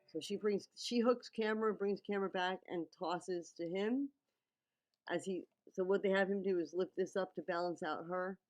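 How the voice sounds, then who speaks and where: Female commentator, slightly low register, informal analytical delivery with a teacherly habit of checking in. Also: steady tone, normal speed, darkish tone, low-quality recording. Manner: teacherly, checks in with okay and right. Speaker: video commentator breaking down a music video. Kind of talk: casual running commentary and film analysis.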